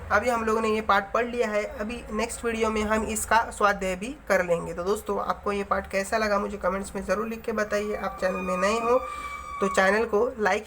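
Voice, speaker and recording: A woman's voice: mid-range voice, fairly bright tone, slight background noise. A woman teacher reading a school chapter aloud and explaining it in a friendly way.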